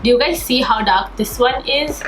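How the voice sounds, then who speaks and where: At a moderate pace, a beauty vlogger speaks in a high-leaning, slightly bright voice with a touch of nasality from a cold. The young woman enthusiastically talks viewers through a casual get-ready-with-me makeup session, with room echo and faint noise in the background.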